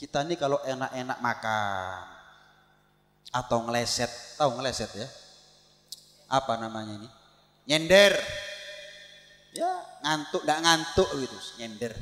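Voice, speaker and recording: A man preaching a religious sermon, telling stories with animated voices for the people in them. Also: medium pitch, unhurried, long pauses. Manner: animated storytelling, acts out shouted calls. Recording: echoey hall with long reverb.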